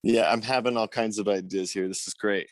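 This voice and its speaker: A man's voice: lowish voice, steady tone, a little fast, no echo. A man joining an online meeting from outdoors on a phone. He talks enthusiastically and rambles with many fillers, and he is out of breath. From Utah. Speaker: meeting participant. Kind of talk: casual video call talk. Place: outdoors, windy. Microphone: phone on a video call.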